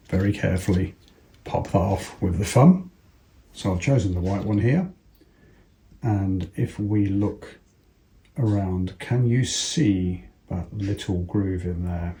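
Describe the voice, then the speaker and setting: A British man with a low, slightly mellow voice presents a product installation tutorial, walking through it step by step. He talks casually and unhurriedly, as if thinking aloud, over slight background noise.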